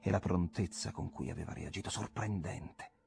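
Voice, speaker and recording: A man with a low voice narrates a literary novel in a measured, reflective way. His reading is close to a studio microphone and paced with care. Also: warm tone. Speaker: audiobook narrator.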